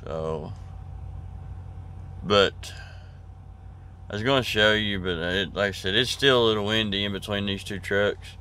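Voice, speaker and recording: Easygoing trucker talking low. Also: male voice, fairly even intonation, unhurried, long pauses, sharp tone, slight background noise. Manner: rambling, easygoing, drawls, many fillers and restarts. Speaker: trucker vlogger. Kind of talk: casual vlog chat to camera. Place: parked truck cab. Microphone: camera at arm's length.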